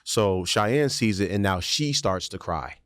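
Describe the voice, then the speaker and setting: Recorded in clean studio sound with no room sound, a man with a lowish, unhurried voice co-hosts a podcast. He tells a story in casual chat, animatedly performing its voices and sound effects.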